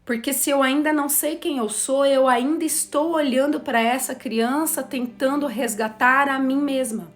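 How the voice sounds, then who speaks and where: A woman, teaching a class in a slow, reflective way and putting questions to her listeners. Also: sits high, fairly even intonation. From Brazil. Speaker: teacher of a course on systemic motherhood. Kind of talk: spoken lecture to a class.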